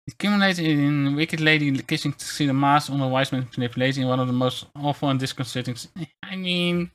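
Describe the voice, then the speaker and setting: A man's voice: fairly high pitch, fairly quick, fairly bright tone, clean tone. A man streaming casual commentary as a VTuber, rambling and stumbling over his words as he reads aloud. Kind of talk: casual livestream commentary, reading articles aloud.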